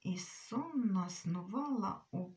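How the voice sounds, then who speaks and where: A woman reading a literary story aloud, slowly, her voice often dropping to a whisper. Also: mid-range voice, lively intonation, darkish tone, recorded from a distance. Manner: slow, often sinking to a whisper.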